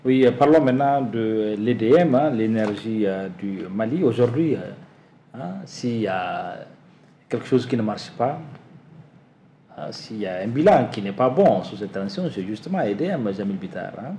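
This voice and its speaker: A male interviewer who asks pointed questions in a lively, emphatic way and often adds filler words. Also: on the low side, moderate pace, slight background noise.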